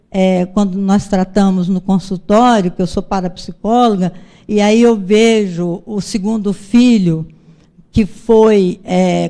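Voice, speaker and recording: A woman's voice: mid-range voice, mellow. A middle-aged woman from Brazil giving an earnest spiritist lecture, addressing her audience as brothers. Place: spiritist center hall.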